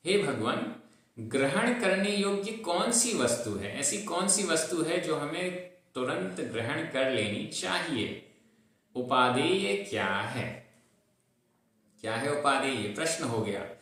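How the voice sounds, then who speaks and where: Slow, patient male teacher in echoey room. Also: a little high, sing-song, a bit bright. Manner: slow, patient drilling of pronunciation, repeating syllables. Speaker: Prakrit teacher. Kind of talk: recorded lesson on chanting and meaning of Sanskrit verses.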